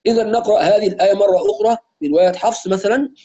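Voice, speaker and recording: A man with an Egyptian accent teaching Quran recitation in an online lesson, explaining rules and demonstrating slow, drawn-out recitation examples. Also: high voice, warm tone, highs cut off. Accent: Egyptian Arabic.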